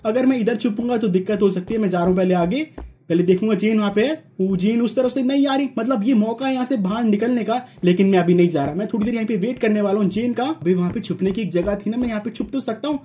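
A man's voice: high voice, quick pace, warm tone. A young man giving running commentary while he plays a horror game, tense, urging himself on and yelping when caught. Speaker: gaming YouTuber.

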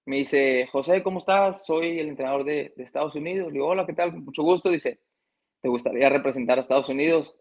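A man's voice: on the high side, a little mellow, muffled recording. Man telling his football story. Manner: conversational, pauses to excuse coughs and slips. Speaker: guest, former footballer. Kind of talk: casual interview storytelling.

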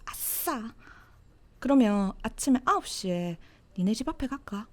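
A woman voicing a cocky, teasing teenage girl classmate in a Gyeongsang dialect, in a whispered role-play with a soft, close-mic delivery. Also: fairly high pitch, lively intonation, a little slow. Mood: playful. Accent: Gyeongsang Korean dialect. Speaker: voice actor.

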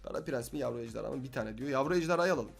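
A young man giving excited gameplay commentary as a gaming YouTuber, swinging between shouting and muttering to himself. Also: mid-range voice, rapid-fire, vocal fry, breathy edge, soft background music.

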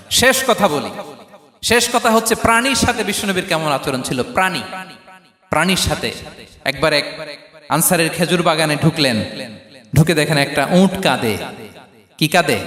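A man's voice: a little high, a bit bright. A man preaching a rousing sermon to a large gathering, emphatic and firing rhetorical questions at the crowd. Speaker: Islamic preacher. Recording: echoey hall with long reverb.

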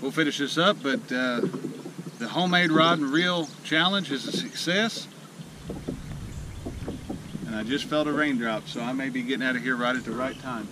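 Host of a fishing vlog, an Illinois man speaks at medium pitch and normal speed, pausing often, as he talks to the camera from a small boat on a lake. Out of breath and excited, he rambles folksily with lots of fillers, recorded by a boat-mounted action camera over loud wind and water noise.

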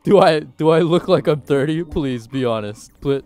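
Using a desk headset mic, a twenty-something man rambles and laughs at himself while chatting casually on a game livestream. He has a fairly high, slightly mellow voice and a moderate pace.

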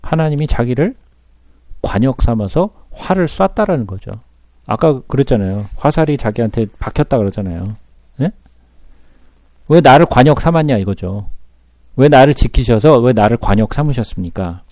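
Gravelly-voiced man teaching the Bible. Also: medium pitch, animated, dark tone, dry recording. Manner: reads verses slowly, then explains with rhetorical questions. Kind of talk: scripture reading with commentary.

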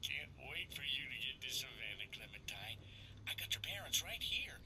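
An actor playing a menacing man stranger who speaks through a radio in a video game, taunting and quietly threatening. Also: medium pitch, sing-song, moderate pace, very noisy.

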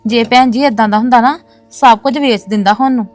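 In a web series domestic drama, an actress plays a proud woman insistently defending her brother and his family, earnestly repeating "no, no, sister." Her voice is a little high, brisk and darkish, lightly acted over soft background music.

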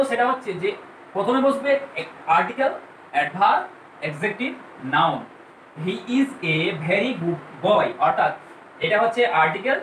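High-voiced man teaching grammar, echoey. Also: sharp tone, far from the mic. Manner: slow, repetitive explaining, spelling out examples. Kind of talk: classroom-style grammar lesson. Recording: echoey room, voice from off-mic, faint hiss.

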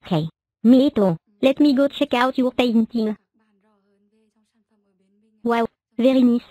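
A young woman voicing characters for a fan cartoon in a bright, playful manner, recorded at home on a webcam. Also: on the high side, takes it slowly, no room sound.

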